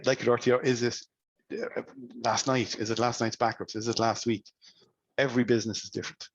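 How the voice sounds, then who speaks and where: A man's voice: medium pitch, dry recording, muffled recording. A man with an Irish accent giving a webinar presentation on security, firing questions at listeners and often restarting his sentences. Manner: asks the audience rapid questions with frequent restarts. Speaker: cybersecurity presenter.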